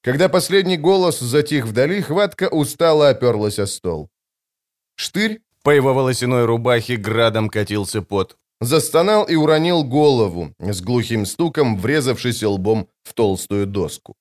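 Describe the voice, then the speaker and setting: A man's voice: mid-range voice, animated, moderate pace, darkish tone. A man narrating a fantasy audiobook expressively, giving the characters their own voices.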